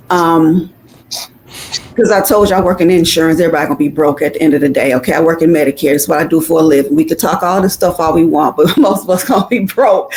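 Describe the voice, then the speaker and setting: A woman's voice: fairly low pitch, poor audio. Older lady giving her opinion in a group debate, blunt and kinda fed up, really emphatic. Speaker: panel speaker.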